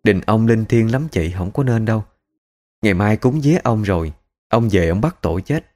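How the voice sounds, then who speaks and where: A man's voice: on the low side, animated, moderate pace, darkish tone. A man voicing a poor widowed street vendor who pleads humbly. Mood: pleading.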